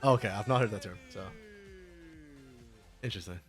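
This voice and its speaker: A man co-casting an esports stream in a casual, playful chat, quick to tease and joke. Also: on the low side, faint music behind. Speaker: esports co-caster.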